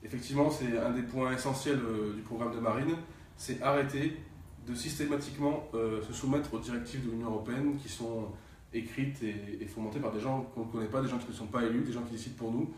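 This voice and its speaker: A man's voice: mid-range voice, fairly even intonation, brisk, darkish tone, a little hiss or hum. Male live-stream host, reads viewer comments, distant reverberant sound. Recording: distant echoey room sound.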